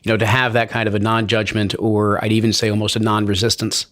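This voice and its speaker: A man's voice: on the low side, level tone, quick pace, fairly bright tone, dry recording, studio quality. A man hosting an interview, asking long, winding, thoughtful questions and encouraging his listeners. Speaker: podcast host. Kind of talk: interview conversation.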